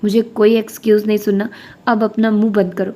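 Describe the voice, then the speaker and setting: A woman's voice: mid-range voice, level tone, mellow, lightly acted. A woman reading the lines of a bossy, teasing young best friend in an audiobook novel.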